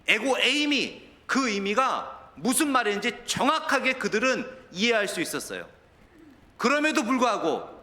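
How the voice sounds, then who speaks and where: A male pastor preaching a sermon in a lively, storytelling manner. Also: sits high. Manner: animated preaching, mixes in anecdotes and quoted dialogue. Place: church sanctuary. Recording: long church hall reverb.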